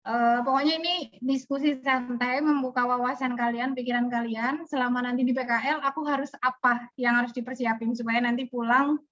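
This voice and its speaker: A woman's voice: fairly high pitch, steady tone, a little fast, a bit bright. A woman teacher from Indonesia giving students a casual, chatty briefing on a video call, with loose phrasing and frequent restarts. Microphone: video call audio. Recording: muffled video call audio.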